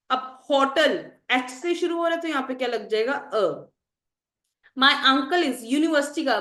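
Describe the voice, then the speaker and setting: Female teacher, high voice, roomy echo; quizzes the class and answers her own questions. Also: fairly bright tone. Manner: asks the class questions and answers them herself; addresses students as children. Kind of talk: explaining English grammar to students.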